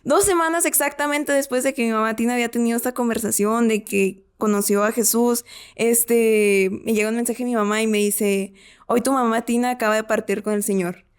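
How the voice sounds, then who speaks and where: A young woman with a Mexican accent, telling her personal story as a guest, lively and full of fillers. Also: fairly high pitch, a little fast, clean tone. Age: young adult. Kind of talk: personal testimony.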